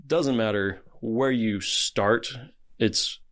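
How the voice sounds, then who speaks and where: A man's voice: fairly low pitch, drawn-out words, a bit bright. A man hosting a podcast, talking in a reflective, easygoing way. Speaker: podcast host. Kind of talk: casual podcast conversation.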